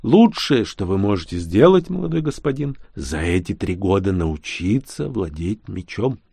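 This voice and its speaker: A man's voice: low voice, sing-song, normal speed, vocal fry, mellow, husky, dry recording, clean studio sound, exaggerated voice. Man putting on a loyal old servant. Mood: respectful. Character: loyal old male servant, respectful and steady.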